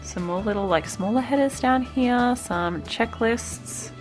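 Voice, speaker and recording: A woman vlogger chats casually while unboxing a stationery subscription box, cooing over the small items. Her fairly high voice sounds slightly nasal from a cold, and she talks a little slowly with faint music in the background.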